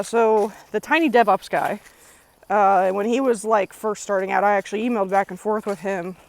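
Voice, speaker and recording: Woman vlogger, winded, talking loosely and candidly outdoors on a kick scooter. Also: medium pitch. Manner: rambling, candid, swears casually. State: out of breath. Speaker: freelancer vlogger. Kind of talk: off-the-cuff casual vlog.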